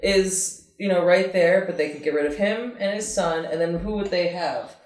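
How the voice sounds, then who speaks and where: A woman's voice: lowish voice, normal speed, darkish tone. A woman co-hosting a TV review podcast, talking casually. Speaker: podcast co-host. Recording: echoey room, distant from mic.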